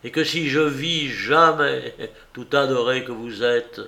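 A man voicing a proud, impoverished young nobleman who pleads with earnest passion, in a slow and creaky voice. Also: medium pitch, steady tone, pushed and bright, heavily acted. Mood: passionate. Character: poor young nobleman, proud and ardent lover.

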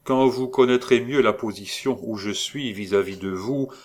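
A man reading aloud, voicing a methodical investigator who speaks with measured authority and pauses on "euh". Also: medium pitch, darkish tone, lightly acted. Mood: authoritative. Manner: measured, commanding, with hesitant "euh".

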